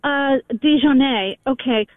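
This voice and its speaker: A woman's voice: high voice, a little slow, no echo. A woman calling into a radio show, scornful in tone and hesitating often with fillers. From New Jersey. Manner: scornful, hesitant with many ums. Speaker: caller. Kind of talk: phone-in caller. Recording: tinny dry phone line.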